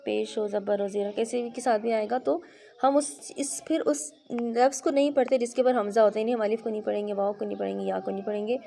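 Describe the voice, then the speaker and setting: A woman's voice: on the high side, steady tone, quick pace, creaky, warm tone. A woman, teaching a Quran reading lesson to a child in a patient, explanatory way, checking in often. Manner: patient, explanatory, frequent "theek hai" check-ins.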